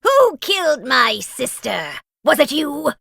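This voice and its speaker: Nasty wicked witch for a storybook, super croaky and cackly, drags out her threats. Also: high-pitched, very animated, no echo, clean studio sound, voice pushed up, heavily acted. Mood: angry, accusing. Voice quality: creaky, sharp cackle. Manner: drawn-out, taunting threats. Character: cackling, menacing wicked witch, vengeful and gloating. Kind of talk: storybook character voice.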